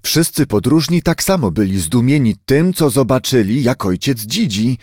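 A man reading a children's storybook aloud, expressive and unhurried. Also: medium pitch, no echo, clean studio sound. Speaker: narrator.

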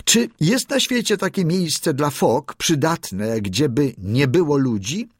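A man voicing a young male seal, eager and bold, in a high, insistent voice. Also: animated, takes it slowly, slightly rough, no room sound, heavily acted. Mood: eager asking.

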